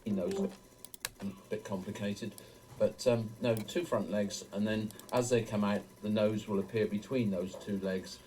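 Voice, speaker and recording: Low-voiced interviewee in fuzz-distorted speaker playback, recorded at a distance with faint noise. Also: male voice, fairly even intonation, measured pace, mellow. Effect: fuzz distortion from a computer speaker playback. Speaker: interviewee in footage being edited. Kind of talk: casual explaining.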